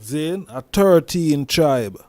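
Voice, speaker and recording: Slow-talking Jamaican man. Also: fairly high pitch, animated, warm tone, dry recording. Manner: slow, repetitive, with many restarts and "you see me?". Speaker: host. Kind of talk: casual commentary monologue.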